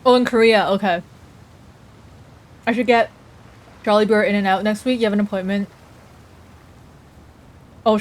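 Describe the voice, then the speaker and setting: Woman streamer, slightly high voice, chatting casually with her viewers between bites. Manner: chatty, reacts to chat messages aloud, talks while eating. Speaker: livestreamer.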